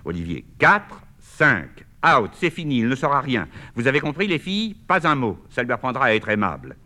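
A man reading a play aloud, voicing a lively, bossy teenage boy with quick, bantering, mock-grand talk. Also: medium pitch, pitched above the performer's own voice. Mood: teasing. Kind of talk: 1960s stage-play reading.

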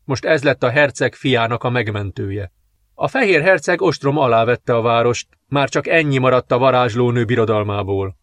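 A man reading a fantasy novel aloud in measured, dramatic scripted narration. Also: mid-range voice, a bit bright, no echo. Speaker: audiobook narrator.

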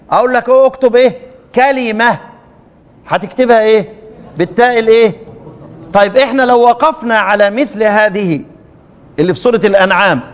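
Egyptian male recitation teacher, high voice, long hall reverb; quizzes the class, chants verses slowly. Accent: Egyptian Arabic. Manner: asks students questions and chants verses slowly. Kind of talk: explaining a recitation poem to students.

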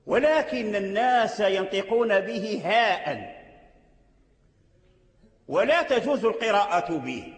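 A Moroccan-accented man gives a recitation lesson in a high, ringing voice. He drags out each example word again and again. The room is echoey, and a long reverb trails after his words. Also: lively intonation, slow, pauses often. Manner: repeats and drawls out sounds to demonstrate pronunciation. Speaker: Quran recitation teacher. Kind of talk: explanatory lesson on recitation rules.

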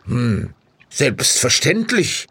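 A man playing a brave but wary young soldier in a fairy tale, with a husky voice. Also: mid-range voice, big pitch swings, very slow, sharp tone, no room sound, exaggerated voice.

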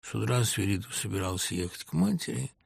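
A man narrating an audiobook of a novel in an expressive, lively storytelling manner. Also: fairly low pitch, quick pace, vocal fry, husky, dry recording, clean studio sound.

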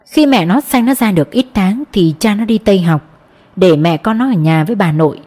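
A woman narrating a novel as an audiobook in a steady storytelling manner. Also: medium pitch, a little fast. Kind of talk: scripted narration.

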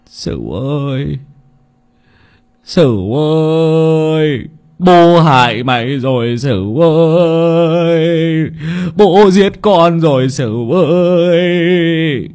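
A man's voice: fairly high pitch, very slow, darkish tone, smooth, voice pushed up. A man narrating an audiobook while voicing a guilty old man who pleads and wails for his son. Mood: wailing. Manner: pleading, wailing, drawn out.

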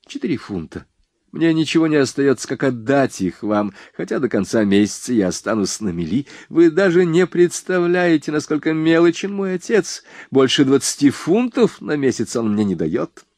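A man reading the lines of a calm, bold young woman who teases and questions in an audiobook. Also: fairly high pitch, normal speed, no room sound, studio quality, pitched above the performer's own voice. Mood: coaxing.

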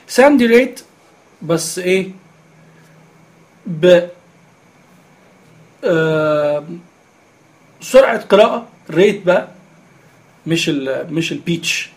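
A man's voice: sits high, expressive, slow pace, pauses often. A man with an Egyptian Arabic accent explaining a screen reader step by step, with many filler sounds. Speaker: instructor.

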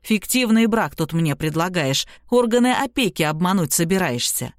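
A woman's voice: on the low side, animated, normal speed, dry recording, studio quality, close to an everyday voice. A woman voicing a callous young man who speaks in a scornful, dismissive way.

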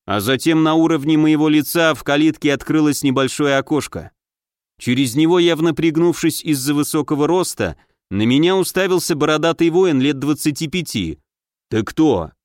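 A man's voice: a little high, moderate pace, clear, resonant tone, no room sound. Dry, close male audiobook narrator. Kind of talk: first-person fantasy audiobook narration.

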